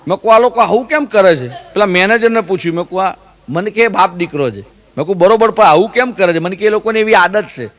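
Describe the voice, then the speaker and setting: A man's voice: high-pitched, quick pace, fairly bright tone. A man from Gujarat telling stand-up jokes, acting out the characters in his stories with mimicked voices. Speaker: comedian.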